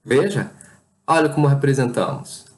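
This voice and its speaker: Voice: medium pitch, lively intonation, moderate pace. An English teacher with a Brazilian Portuguese accent gives a pronunciation lesson, patiently repeating each word and over-articulating its sounds.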